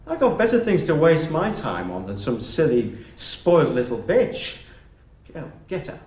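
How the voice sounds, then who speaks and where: A man's voice: mid-range voice, lively intonation, close to an everyday voice. A man playing a hesitant, weary schoolmaster. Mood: angry. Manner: hesitant, halting, with sudden sharp outbursts. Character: awkward, weary male schoolmaster at a rough comprehensive school. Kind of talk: 1980s British TV soap acting. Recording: roomy echo, faint hiss.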